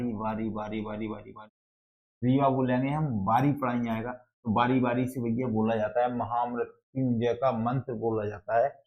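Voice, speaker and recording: Teacher, man, call-and-response style, dull recording. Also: mid-range voice. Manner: repetitive, call-and-response questioning. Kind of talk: exam-prep lesson with memory tricks. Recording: dull lo-fi sound.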